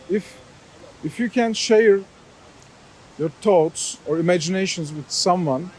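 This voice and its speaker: A man with a Turkish accent giving unscripted interview answers as an artist, explaining his thoughts haltingly and searching for words. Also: high voice, a little mellow, low-quality recording. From Istanbul, Turkey. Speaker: artist, sculptor being interviewed.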